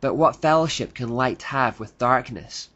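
A man's voice: mid-range voice, a little slow, a bit bright, highs cut off. A man giving scripted narration in a critical tone, reading out quotes.

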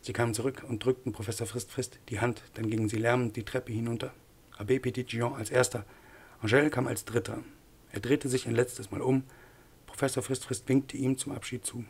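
A man narrating an audiobook in a measured, even way. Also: medium pitch, slightly rough. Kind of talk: scripted narration.

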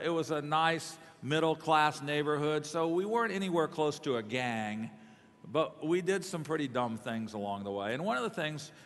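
Middle-aged male preacher in a reverberant hall. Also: fairly high pitch. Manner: self-deprecating humor, lively swings in volume. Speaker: guest preacher. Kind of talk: sermon with personal storytelling. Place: large church worship hall. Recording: long reverb of a large hall.

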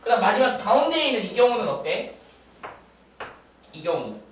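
A woman's voice: mid-range voice, very animated, fairly quick. A young woman tutoring math one-on-one, walking a student through each step and checking in with frequent tag questions. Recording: roomy distant mic with faint noise.

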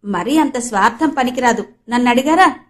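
A spirited, headstrong young woman with a lively, playful way of talking, read by a woman narrator. Her voice sits a little high. She belongs to a storybook audiobook. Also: moderate pace, lightly acted.

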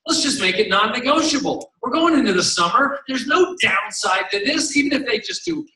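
Middle-aged guy pumping up a crowd from the stage, bright high voice, kinda far off in an echoey hall. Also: animated, brisk. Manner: emphatic, repeats a slogan, tells stories with quoted voices. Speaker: company executive addressing coaches. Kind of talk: motivational stage speech.

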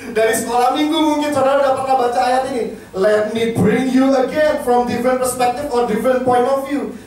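A male preacher giving an animated sermon in a church, switching between Indonesian and English and asking his congregation questions. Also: very high-pitched, brisk. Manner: animated, asks the congregation questions and leads group reading. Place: church hall. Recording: echoey hall, mic at a distance.

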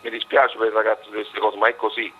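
A man with a low, husky voice that is giving out speaks over a muffled phone line. He sounds hoarse and halting, often repeating himself as he gives his views as a football fan. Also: level tone. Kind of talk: opinionated phone-in commentary.

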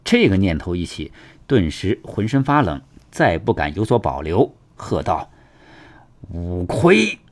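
A man narrating a web novel audiobook with dramatic, expressive storytelling. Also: deep voice, moderate pace, hardly any pauses.

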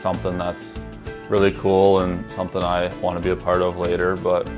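A young college hockey player from rural southern Minnesota speaks in a low, completely flat voice at a moderate pace. His American Upper Midwest accent comes through as he answers interview questions casually, in a matter-of-fact, understated way, with a guitar music bed behind him.

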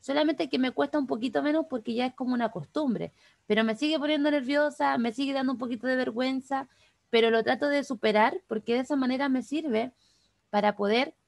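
A woman with a Chilean accent, teaching an online class over a video call, talking quickly and chattily straight to the participants. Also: sits high, creaky, dry recording. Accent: Chilean Spanish. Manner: fast, chatty, addresses participants directly. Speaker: workshop instructor.

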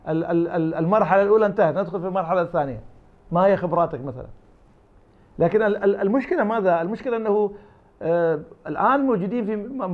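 Over phone-quality audio, a high-voiced man from Iraq speaks with an Iraqi Arabic accent as an academic interview guest. He's argumentative, making his points by staging imagined exchanges.

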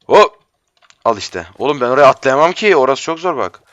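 A man giving frustrated live commentary while playing a game, swearing and breaking into shouts, his voice going hoarse. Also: mid-range voice, very animated, quick pace, dry recording, lo-fi sound. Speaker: gamer.

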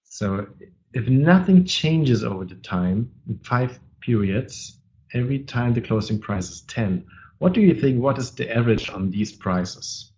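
A man's voice: medium pitch, expressive, darkish tone. Man with a cold, presenting a webinar. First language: not English. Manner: halting, searching for words. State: has a cold. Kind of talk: live trading webinar. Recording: dull lo-fi webinar audio.

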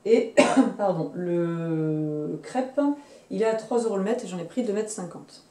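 Woman, 30s, casual sewing vlog chat, hesitant fillers, warm mellow voice, roomy distant recording. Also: lowish voice, unhurried. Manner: hesitant, many fillers and restarts. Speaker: sewing vlogger. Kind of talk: casual chat showing fabric purchases. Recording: roomy sound, away from the mic.

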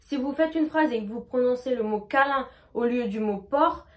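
Femme à la voix aiguë, leçon d'anglais. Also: female voice, on the high side. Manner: slow, over-articulated demonstrations of English words. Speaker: English teacher. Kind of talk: pronunciation lesson.

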